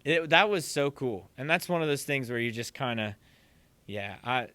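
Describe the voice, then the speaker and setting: A man guest on a podcast telling stories in casual talk, animated and acting out quotes. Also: medium pitch, moderate pace. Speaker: podcast guest, percussion teacher. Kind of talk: casual interview storytelling.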